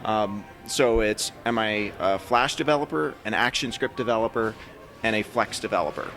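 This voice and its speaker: A man's voice: lowish voice, moderate pace, fairly bright tone, faint music behind. A man in casual podcast chat, explaining a technical point at length and restarting his sentences often.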